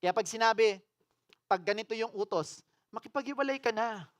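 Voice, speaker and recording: A woman pastor giving a sermon. She mixes English phrases into her preaching, asks the congregation questions, and swings between loud declarations and hushed, earnest appeals. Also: fairly high pitch, moderate pace.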